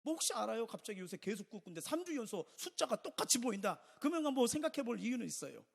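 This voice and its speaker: A man's voice: very high voice, big pitch swings, fast, creaky, breathy edge. A male pastor preaching a Sunday sermon, emphatic, with rhetorical questions and repeated phrases. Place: church sanctuary. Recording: reverberant church hall.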